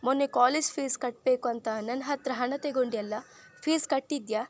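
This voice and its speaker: Brief: woman voicing strict elder sister, firm interrogating tone, high pitch. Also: moderate pace, lightly acted. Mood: stern. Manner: firm, probing. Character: stern, sharp elder sister.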